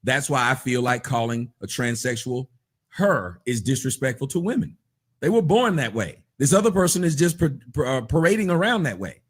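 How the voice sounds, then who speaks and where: A man's voice: mid-range voice, big pitch swings, moderate pace, husky. A man in his forties, a radio show host, arguing hard and talking over the other person. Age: 40s. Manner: pushy, argumentative, talks over the other speaker. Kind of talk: heated on-air argument.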